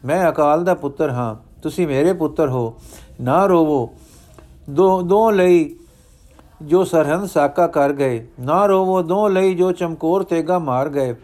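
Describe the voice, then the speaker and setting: A man reading the lines of a revered guru father, solemn and declamatory in a steady manner. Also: a little high, close to an everyday voice. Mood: commanding.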